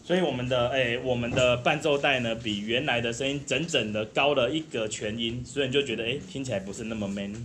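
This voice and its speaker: A man's voice: mid-range voice, fast talker, few pauses, fairly bright tone, slight background noise. A man with a Taiwanese Mandarin accent teaching a group saxophone lesson, patient and encouraging, counting the class in. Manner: patient, counts in and sings demonstrations.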